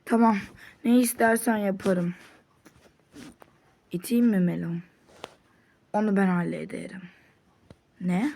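A woman playing a sandbox game and giving its characters voices, moving between hushed threats and high panicked pleas. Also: steady tone, slow pace, gravelly, pauses often. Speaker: game player.

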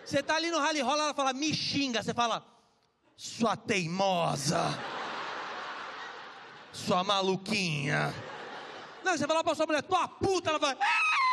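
A Brazilian man doing a crude, jokey stand-up set on a comedy club stage, telling stories and switching voices fast. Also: very high-pitched, bright, forceful tone, in a large hall. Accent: Brazilian Portuguese. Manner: brash, crude, jokey storytelling with quick voice switches. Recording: stage recording with crowd and room noise.

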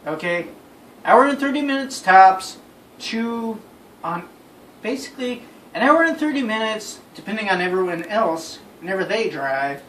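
Recorded on a phone camera from across a small bedroom indoors, the audio is roomy, noisy and distant. A young adult man speaks at normal speed in an expressive, high-sitting, slightly bright voice, telling friends a casual story while exasperated, emphatic and prone to repeating himself.

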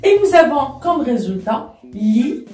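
A woman's voice: sits high, expressive, slow pace. A woman teaching a French lesson, patient and careful, often repeating herself and spelling out examples. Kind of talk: slow explanatory lesson. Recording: echoey room, voice from a distance, soft music behind.

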